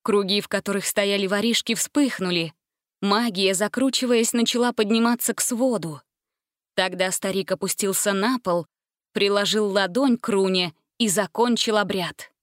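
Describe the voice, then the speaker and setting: Woman storybook narrator, measured delivery, mid pitch, dry close recording. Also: no room sound. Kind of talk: storybook reading.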